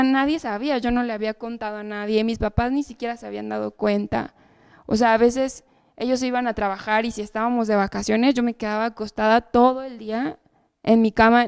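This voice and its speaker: A woman shares her personal testimony at church in an earnest storytelling manner. Her fairly high voice carries a gravelly edge yet stays smooth and resonant. The recording is dry and close. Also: darkish tone, dry recording. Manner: earnest storytelling with frequent tag questions. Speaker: church speaker giving testimony.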